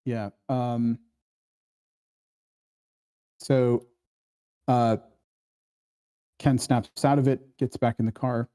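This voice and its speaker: This man's voice is medium-pitched, warm, and clean, with a level tone; he draws out his words and pauses often. He is hosting a casual screenplay workshop, explaining conversationally, acting out quoted dialogue, and regularly checking with listeners with "right?"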